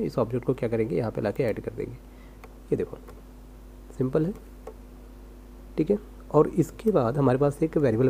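Male coding tutor, relaxed mellow delivery, rhetorical self-questions as he types, light hum in the recording. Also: mid-range voice. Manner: casual, rhetorical self-questions, talks while typing. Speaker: programming tutor.

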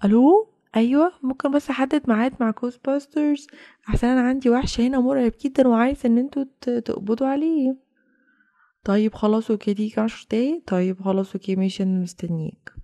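A woman's voice: sits high, very fast, dark tone. A young woman with an Egyptian accent narrating a toy story and voicing the mother, fretful and exclamatory. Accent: Egyptian Arabic.

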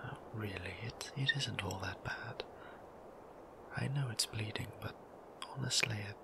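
In an intimate ASMR roleplay, a man voices a shy, gentle vampire priest centuries old, speaking breathy, whispery and low with halting, genteel old-fashioned wording and a flustered stammer. The mood is bashful and reassuring, and there's background noise.

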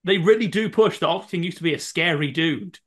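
A man's voice: fairly high pitch, a little fast. A man from outside the United States co-hosting an anime rewatch show, wry and joking. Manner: wry, joking, laughs between lines. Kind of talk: casual reaction chat.

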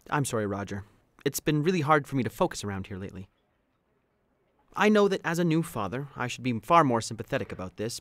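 Male actor as complaining young executive for puppet parody; higher-pitched, animated, petty. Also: no echo, studio quality. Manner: complaining, exaggerated emphasis. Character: whiny, petty young office executive, new father.

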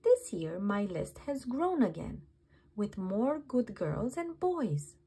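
A woman voicing a kindly, elderly Santa Claus in a storybook, with a soft, breathy voice. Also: mid-range voice, very animated, takes it slowly, heavily acted. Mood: worried. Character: jolly old Santa Claus, kindly, busy.

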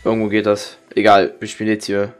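A man's voice: lowish voice, monotone, fairly quick, soft background music. A young man from Germany gives casual, rambling gameplay commentary in slangy speech, grumbling and swearing. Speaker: gaming streamer. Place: indoor room with webcam.

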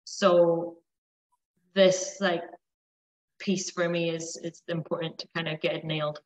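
Female coach, lower pitch, casual and a bit rambling, video-call sound. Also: level tone, a little slow, low-quality recording. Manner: casual, searching for words, uses fillers. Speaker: holistic health coach. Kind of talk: self-introduction on a group call.

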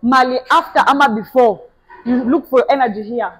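Speaking into a lapel mic, a young gym employee with a Kenyan accent gives a guided tour of a large indoor gym in a blend of Swahili and English. Her high-pitched voice is brisk and slightly rough. She points out the equipment to visitors in a friendly, matter-of-fact manner.

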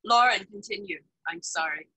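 A woman in her sixties moderating a panel over a video call from home, asking lively, probing questions. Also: medium pitch, moderate pace, husky, dry recording, poor audio. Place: home room, indoors. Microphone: webcam on video call.

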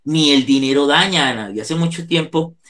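Speaking from an indoor room on a video call, this middle-aged psychologist with a Colombian accent delivers a devotional talk in an earnest, preacher-like manner. His somewhat bright voice runs on the high side at a moderate pace, captured by the video call microphone.

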